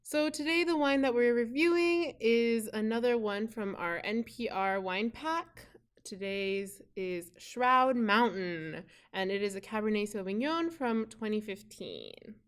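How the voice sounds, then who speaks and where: A woman's voice: fairly high pitch, animated, unhurried, smooth. A young woman co-hosting a casual podcast, chatty and upbeat, laughing often. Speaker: podcast co-host.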